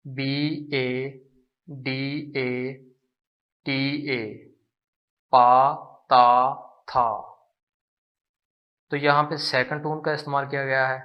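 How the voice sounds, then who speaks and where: A man teaching a language lesson, explaining slowly and patiently and repeating syllables to demonstrate them. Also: mid-range voice, flat delivery, dull audio. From Pakistan.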